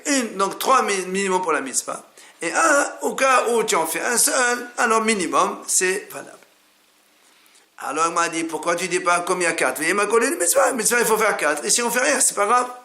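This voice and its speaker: A man's voice: high-pitched, expressive, moderate pace, sharp tone. A man teaching a Talmud class in French, explaining each step and repeating key words as he addresses the listener directly. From France.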